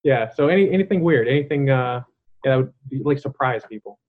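A man with a mid-range voice and lively intonation hosts a podcast interview, speaking a little fast and rambling casually with many fillers and restarts. The line sounds tinny, like a phone.

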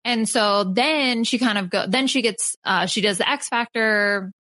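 A woman co-hosting a podcast in casual chat, wry and quick to laugh, recapping a TV show. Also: mid-range voice, bright, forceful tone, no room sound. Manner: dry, wry, laughs easily. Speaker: podcast co-host.

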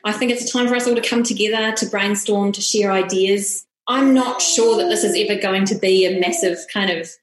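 A woman's voice: mid-range voice, brisk, hardly any pauses, reverberant, low-quality recording. A middle-aged woman with a broad New Zealand accent, chatting as an interview guest. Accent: broad New Zealand (Kiwi). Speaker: podcast guest, family portrait photographer. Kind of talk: conversational interview. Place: room, standing with baby in arms.

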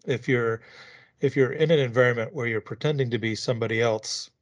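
A man on a podcast speaks at a middling pitch. He chooses his words carefully, building his points in a measured, thoughtful way. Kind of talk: casual podcast chat.

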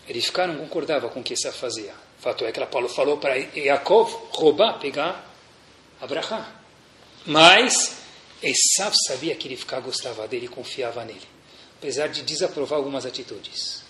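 A man's voice: mid-range voice, normal speed, slight background noise. A man giving a religious lecture as a rabbi, telling anecdotes and speaking straight to his audience. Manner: animated, anecdotal, addresses audience directly. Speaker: rabbi teaching a Torah class. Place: room with a seated audience. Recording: echoey room.

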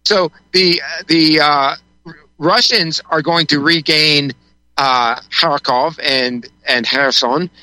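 A man talks politics as a guest on a talk show, his voice very bright and slightly high. He rambles, restarting sentences and filling gaps with "uh". The recording is dry and close. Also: steady tone, slow pace, no room sound, rough recording. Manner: rambling, many restarts and fillers. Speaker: guest commentator.

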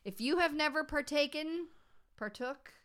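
A woman's voice: sits high, moderate pace, a bit bright. A woman with a Southern accent co-hosting a podcast, chatting eagerly about local events. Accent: Southern American. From South Carolina Lowcountry. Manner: chatty and enthusiastic, with Southern turns of phrase. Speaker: podcast co-host. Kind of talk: casual chat.

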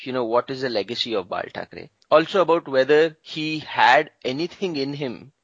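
A man with an Indian accent hosts a conversational podcast in a medium-pitched voice. He talks informally, as if with a friend. The sound is close and dry, a little dull and lo-fi. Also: fairly bright tone, husky, no room sound. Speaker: podcast host. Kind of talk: casual podcast chat.

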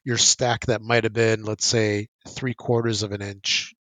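A man chatting casually as a podcast co-host, relaxed and explaining with many fillers. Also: on the low side, unhurried, no echo. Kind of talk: casual chat.

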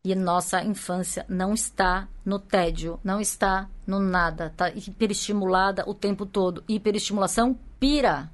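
A woman's voice: medium pitch, moderate pace, hardly any pauses. A Brazilian woman co-hosting a podcast, talking emphatically. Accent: Brazilian Portuguese. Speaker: podcast co-host. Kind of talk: casual chat.

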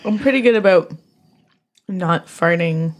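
A woman's voice: fairly low pitch, animated, a little slow. A woman co-hosting a podcast with casual, joking banter and informal personal anecdotes. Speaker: podcast co-host.

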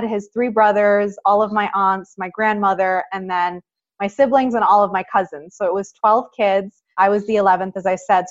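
A young woman from Pakistan tells her life story as an interview guest. She speaks at a mid pitch and a measured pace, in a reflective tone. The audio is a little dull and lo-fi. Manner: measured, reflective, frequent "I think" and "you know".

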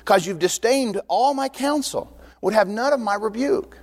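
Man, pastor preaching, high voice, conversational, asks the room questions, long reverb. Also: lively intonation, moderate pace. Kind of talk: sermon.

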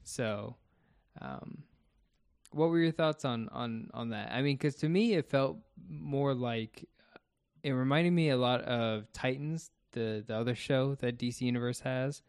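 A man's voice: medium pitch, measured pace, a little mellow, clear, resonant tone, no room sound, studio quality. A man co-hosting a casual podcast, talking through his thoughts about a TV episode one step at a time. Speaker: podcast co-host.

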